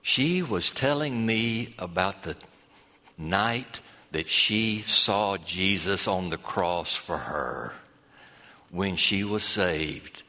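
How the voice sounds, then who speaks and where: Slow, lively-voiced male pastor preaching. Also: in a large hall. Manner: slow, lively preaching with hushed low dips and rising high peaks. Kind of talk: sermon storytelling.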